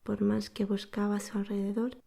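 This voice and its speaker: A woman telling a guided bedtime story in a soft, breathy, soothing ASMR whisper. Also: mid-range voice, level tone. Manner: soothing, slow-paced, hushed narration.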